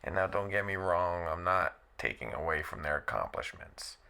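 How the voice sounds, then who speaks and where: A man with a very low, heavily gravelly voice that still has a bright, forceful edge. He rants bluntly about the show on his own vlog and hammers the same points again and again. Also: animated, moderate pace. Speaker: wrestling commentary vlogger. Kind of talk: opinionated solo rant.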